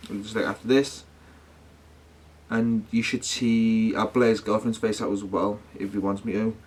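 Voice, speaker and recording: A man's voice: on the low side, little pitch movement, unhurried, breathy edge. A man talking casually to his viewers as a paranormal vlogger, rambling and slangy, often correcting himself. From United Kingdom.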